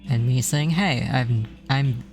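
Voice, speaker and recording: A streamer voicing a restless, blunt young female cat in a story game, reading her lines in a flat, matter-of-fact way. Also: medium pitch, slow pace, faint music behind.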